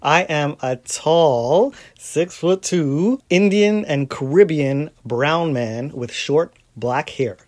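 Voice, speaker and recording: Man actor, fairly high voice, slow and matter-of-fact delivery. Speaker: stage actor. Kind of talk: audio-description self-introduction.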